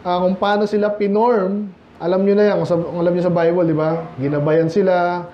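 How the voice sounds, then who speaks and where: A man's voice: sits high, level tone, brisk, lo-fi sound, slight background noise. A Filipino man preaching a sermon as pastor, switching between Tagalog and English and firing rhetorical questions at the congregation. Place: church.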